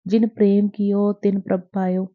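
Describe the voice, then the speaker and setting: A woman's voice: medium pitch, level tone, moderate pace, no echo, close to an everyday voice. A woman voicing an innocent young village girl who asks wondering questions in a raised voice, read for an audiobook. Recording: dry, tinny phone-like sound.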